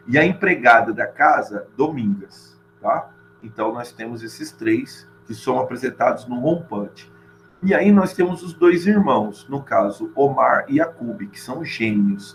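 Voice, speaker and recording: A middle-aged Brazilian man explains a novel to students in a relaxed, conversational lesson. His voice sits at an everyday middle pitch, and he keeps tossing in little check-ins as he goes. A faint hum runs underneath the recording. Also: low-quality recording. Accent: Brazilian Portuguese. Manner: chatty and informal, keeps checking in with "tá?". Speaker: literature teacher. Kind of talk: casual classroom lecture.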